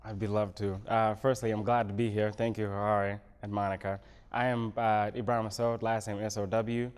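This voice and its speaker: A Senegalese man running for city council answers questions during an interview in a local TV studio. His speech is measured and full of pauses, with a lowish, smooth voice and a flat delivery.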